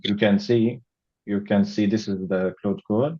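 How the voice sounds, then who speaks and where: A young man demonstrating software over a video call, halting and repeating words. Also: lowish voice, steady tone, no echo. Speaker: student presenter. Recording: dry, muffled audio.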